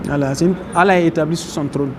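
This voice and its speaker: A man's voice: fairly high pitch, fairly even intonation, fast talker, background noise. A man teaching a religious class, explaining Arabic terms and questioning his listeners. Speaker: Islamic teacher. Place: mosque, faint outdoor traffic behind.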